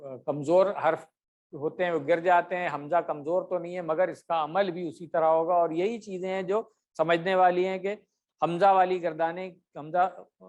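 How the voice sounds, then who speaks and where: A man with a slightly raised pitch teaches an online class through a computer microphone. He speaks patiently and pauses often on fillers. He draws out each drill word slowly for his students to repeat. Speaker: Arabic grammar teacher. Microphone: computer mic on a video call with camera off.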